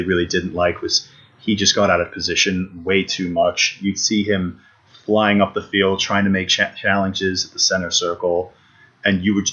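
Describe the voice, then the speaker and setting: A man's voice: sits low, a bit bright. A man co-hosting a casual football podcast, talking eagerly with many restarts and repeated points. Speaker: podcast co-host. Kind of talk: casual sports chat. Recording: dull lo-fi podcast audio.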